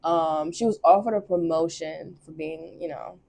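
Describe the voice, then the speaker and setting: A woman's voice: deep voice, moderate pace, vocal fry, warm tone. A young woman who reads tarot, talking casually and expressively and laughing often. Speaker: tarot reader. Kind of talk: casual chat.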